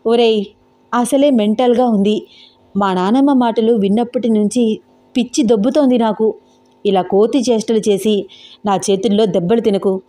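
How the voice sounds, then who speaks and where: A woman's voice: fairly high pitch, steady tone, normal speed, long pauses, warm tone, lightly acted. A woman voicing an anxious young husband who keeps questioning himself, in a storybook reading. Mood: irritated.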